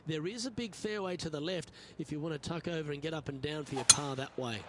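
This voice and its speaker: A man's voice: fairly high pitch, fast, very noisy. A man giving golf commentary as a commentator.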